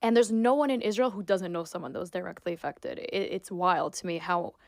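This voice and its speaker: A woman's voice: lowish voice, a little fast, vocal fry, dry recording, studio quality. A woman in her twenties, from New York, speaking as an interview guest in an emphatic, opinionated way with lots of "like" fillers. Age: 20s. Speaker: guest, sports reporter and influencer. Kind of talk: casual interview talk.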